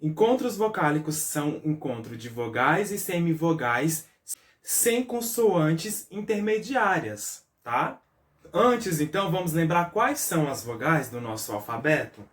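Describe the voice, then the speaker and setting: A man's voice: a little high, big pitch swings, a little slow, fairly bright tone. A man with a Brazilian Portuguese accent teaching a recorded review lesson for schoolchildren, explaining step by step and checking in often. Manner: patient, explains step by step with frequent "tá?" check-ins and spelled-out syllables. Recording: roomy echo, voice a bit far from the mic.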